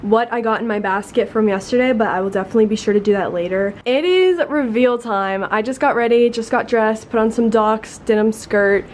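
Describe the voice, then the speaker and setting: Young female college vlogger, bubbly sorority-girl energy, high-pitched, casual to-camera chat over noticeable background noise. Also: fairly quick, few pauses. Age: young adult.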